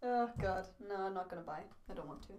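A woman's voice: mid-range voice, animated, quick pace, dull audio, crowd noise. A woman co-hosting a podcast in casual chat, giggling often and playfully stubborn. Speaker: podcast co-host.

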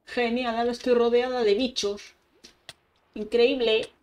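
A woman's voice: fairly high pitch, little pitch movement, measured pace. A young woman giving chatty Minecraft gameplay commentary, talking to herself as she plays. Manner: chatty, talks to herself while playing, frequent exclamations. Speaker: gaming YouTuber. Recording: faint keyboard typing and clicks behind.

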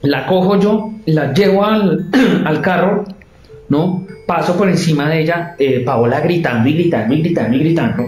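Man, lively storyteller, echoey room, faint music behind. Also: fairly high pitch, normal speed. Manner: animated, acts out the voices of others. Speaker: theater director. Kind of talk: storytelling interview.

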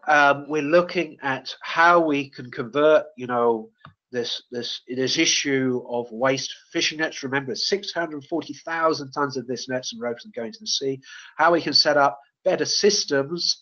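A man's voice: fairly high pitch, moderate pace, fairly bright tone. A man presenting in a webinar and answering questions, with many fillers and restarts. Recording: dull lo-fi webinar audio.

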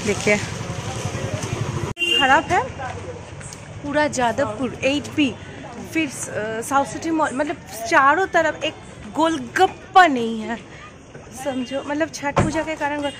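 Walking a crowded city street at night, a vlogger in her thirties chats casually to the phone she holds at arm's length, tired from so much walking. She speaks slowly in a high voice, pausing often, amid loud traffic and crowd noise with music in the background.

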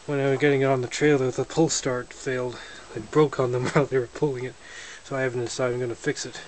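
Indoors in a garage or shed with windows, a man speaks quickly but easily as he shows off his snowmobile, plainspoken and matter-of-fact. The handheld camera he holds records him up close, with clear noise running under his middling-pitched voice.

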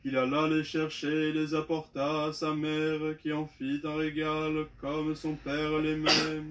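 Male lector for a liturgical reading, slow and almost toneless. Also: on the high side. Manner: flat, unvaried, measured delivery. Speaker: lector at vespers.

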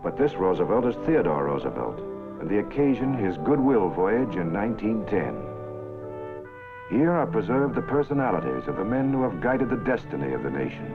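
A man narrating an old newsreel in a formal, measured announcer delivery, with the sound of an old film soundtrack. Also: on the low side, very animated. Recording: tinny lo-fi 1940s film soundtrack with music.

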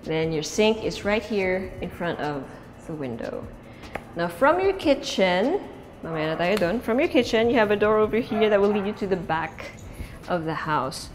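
With soft music playing, an animated young woman with a Filipino accent leads a chatty tour of an empty house, indoors and outdoors, mixing languages mid-sentence. Her voice is medium-pitched at a normal pace.

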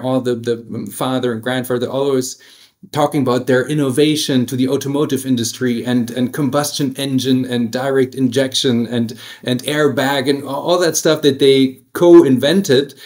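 A man's voice: medium pitch, darkish tone. Reflective German-accented man. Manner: reflective, many restarts and fillers. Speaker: guest, attorney. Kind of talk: casual interview.

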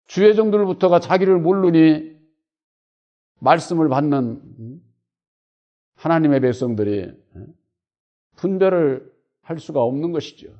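A male pastor preaching a sermon, stressing points hard, then repeating them quietly, with frequent rhetorical questions. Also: a little high, lively intonation, measured pace, long pauses, highs cut off. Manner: emphatic repetition with rhetorical questions; swings between loud stress and quiet trailing repeats. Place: church.

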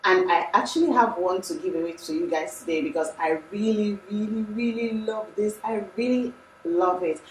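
A woman's voice: mid-range voice, moderate pace, roomy sound, far from the mic, a little hiss or hum, rough recording. A young Nigerian woman talking casually and emphatically to camera in a room, as a lifestyle vlogger. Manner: chatty, animated, emphatic. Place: room indoors.

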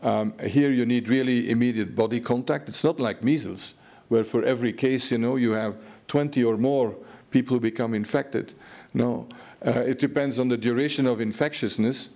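A man's voice: mid-range voice, steady tone, normal speed, darkish tone. A man in his sixties on a conference panel, answering questions hesitantly with many fillers and restarts. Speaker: panelist, virus researcher. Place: large conference hall on stage. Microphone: headset mic.

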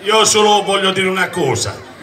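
A man giving a halting, emotional, declamatory speech to an audience from an outdoor stage. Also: high voice, animated, sharp tone. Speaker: amateur stage performer. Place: outdoor festival stage at night. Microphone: handheld PA microphone, recorded from the audience. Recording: distant phone, PA, music and crowd.

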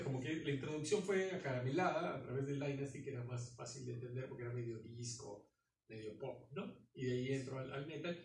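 A man's voice: fairly high pitch, darkish tone, slight background noise. A man in his fifties, born in Spain, introducing a guest to a class in a rambling, conversational way. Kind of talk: casual classroom talk. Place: university classroom. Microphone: far camera phone. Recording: echoey classroom from far off.

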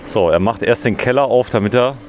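A man's voice: medium pitch, fairly quick. A man hosting a video at a demolition site, chatting with workers and commenting on the work. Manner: chatty, curious, interviewing. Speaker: video host. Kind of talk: vlog commentary. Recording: outdoor noise with traffic.

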